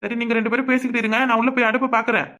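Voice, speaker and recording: A woman voicing a grown son and brother in a village cartoon, with a Kanyakumari Tamil accent and slow, gentle questions. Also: on the high side, little pitch movement, pitched below the performer's own voice, natural voice. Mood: mild.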